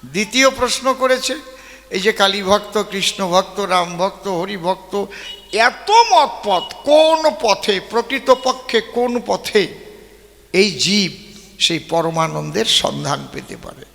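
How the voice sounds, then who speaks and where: A man's voice: sits high, a little slow, gravelly, sharp tone, a little hiss or hum. A male folk poet-singer giving a rhetorical stage speech on an open-air stage, often throwing questions at the audience. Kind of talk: stage debate speech with rhymes and verses. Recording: long hall-like reverb.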